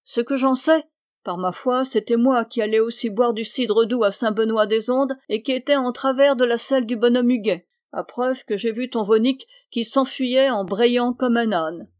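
A woman's voice: a little high, moderate pace, darkish tone, no room sound, clean studio sound, close to an everyday voice. A woman reading the part of a mischievous, boastful male dwarf who mocks and teases in a playful way, in a storybook. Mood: gloating. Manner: mocking and playful.

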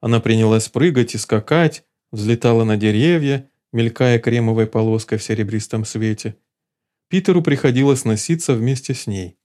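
A man narrates a storybook in a steady, measured voice. His tone is mellow and warm, and his pitch sits in the middle range for a man. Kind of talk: scripted audiobook narration.

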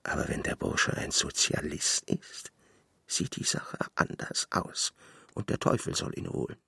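A gravelly blustering old general. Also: male voice, very deep voice, unhurried, pushed and bright, full character voice. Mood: indignant. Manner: blustering, gruff. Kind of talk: radio play acting.

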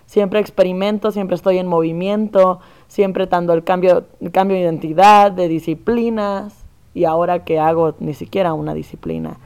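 A young woman with a Mexican accent explains her art in an interview, earnest and thoughtful. Her voice sits a little low and sounds smooth and clear. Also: steady tone, normal speed, a little mellow. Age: young adult. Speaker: performance artist guest. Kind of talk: conversational interview.

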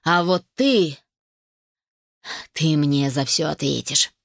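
A woman's voice: low-pitched, animated, takes it slowly, gravelly, no room sound, studio quality, pitched below the performer's own voice, exaggerated voice. A woman reading an audiobook voices a jealous young man who talks with bitter spite. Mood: aggrieved.

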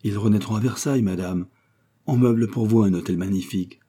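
A man's voice: lowish voice, fairly quick, mellow, slightly rough. A man voicing a lovesick, ardent young royal page in an audiobook, with earnest, fervent courtly speech. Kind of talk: audiobook character voice.

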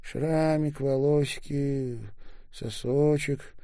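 A man's voice: fairly high pitch, steady tone, very slow, mellow, no echo, clean studio sound, pitched above the performer's own voice. A man voicing a cynical underground doctor who speaks in a sardonic, clinical way.

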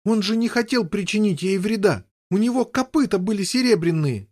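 A man reading an audiobook, voicing Gareth, a tender-hearted young boy who shouts in a high, anguished voice. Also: lively intonation, fairly quick.

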